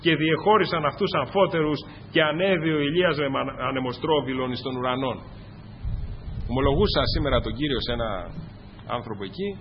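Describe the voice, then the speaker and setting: A man's voice: on the high side, slight background noise. A man preaching a sermon to his congregation, fervent and rising to cries on key phrases. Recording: dull lo-fi recording in a large reverberant hall.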